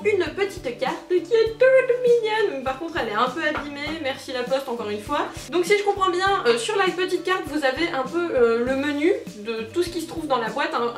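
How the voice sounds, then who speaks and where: A young woman hosting a casual unboxing video at home, gushing and joking about herself, with many fillers. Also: high voice. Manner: bubbly, gushing, self-mocking, with many fillers. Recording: roomy, distant, with music behind.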